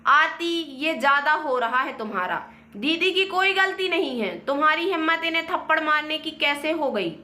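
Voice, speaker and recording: A woman's voice: high voice, animated, normal speed, pushed and bright, roomy sound. A woman doing a stern scolding husband. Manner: scolding, firm. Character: stern young husband and son.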